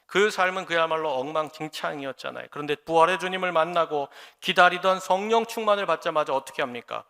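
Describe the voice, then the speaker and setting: A man's voice: on the high side, quick pace, gravelly, sharp tone, smooth. A man preaching a sermon as a pastor, often acting out quoted dialogue. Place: church sanctuary. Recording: long church hall reverb.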